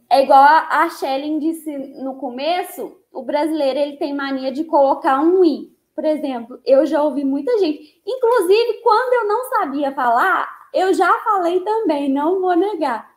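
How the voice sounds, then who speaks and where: A woman from Brazil teaching a live online English lesson, explaining slowly, repeating words and checking in with her listeners. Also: high voice, roomy sound.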